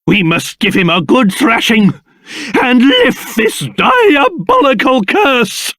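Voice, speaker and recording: A man voicing a pompous, excitable old cursed king in a video game, with a British accent and a theatrical manner that swings between grumbling and shrill outbursts. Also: slow pace, dry recording, heavily acted. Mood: determined, nostalgic. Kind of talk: video game character voice acting.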